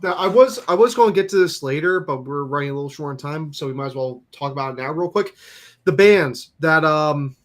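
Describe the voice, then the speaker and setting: A man's voice: on the high side, animated, a little fast. A man hosting a casual aftershow chat, rambling with lots of fillers and restarts. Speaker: host.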